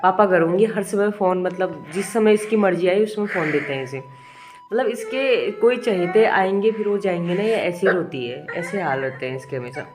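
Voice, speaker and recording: Young woman, lower voice, home vlogger mom, chatty and fond, faint music under her. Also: moderate pace. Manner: chatty, fondly scolding her crying child. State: has a bad headache. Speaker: vlogger, mother. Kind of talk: casual home vlog chat. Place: home, indoors.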